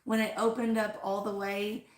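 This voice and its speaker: Her voice worn from a recent illness, a woman chats casually on her flower-farm livestream, wandering off topic and leaning on "like" and "um." She's at medium pitch, with little pitch movement and a moderate pace, and the room echoes.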